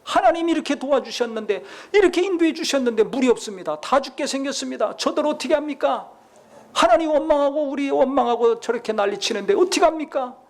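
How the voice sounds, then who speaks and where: A man's voice: very high-pitched, expressive, fast, pitched above the performer's own voice. A man voicing a desperate leader crying out to God in prayer for help. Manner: pleading prayer.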